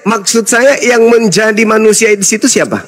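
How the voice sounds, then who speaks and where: A man's voice: high-pitched, moderate pace, a bit bright. A man, an Islamic preacher, in a heated interfaith debate, lecturing insistently and talking over the other man.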